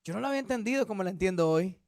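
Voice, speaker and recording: High-voiced pastor teaching a Bible study. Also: male voice, lively intonation, rapid-fire, darkish tone, dry recording, studio quality. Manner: earnest, repetitive, self-correcting teacher.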